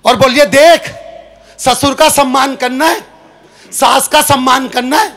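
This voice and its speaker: High-voiced man telling a comic story. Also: steady tone. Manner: acts out many characters in quick turns, shouts punchlines. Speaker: stand-up comedian. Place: outdoor stage before a large audience.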